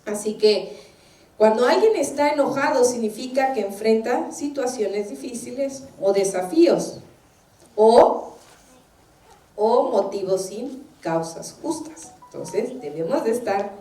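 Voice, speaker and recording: A woman's voice: a little high, animated, unhurried, mellow. A woman minister giving a sermon, telling personal stories and acting out what people said. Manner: anecdotal, acts out quoted voices. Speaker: minister preaching. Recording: echoey room, distant mic.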